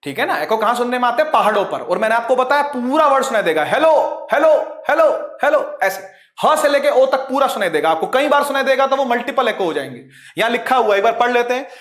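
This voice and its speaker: A man's voice: very high-pitched, sing-song, fast talker, fairly bright tone. A man teaching a physics class online, patiently explaining and often checking whether his students follow. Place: teaching at a board. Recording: echoey room.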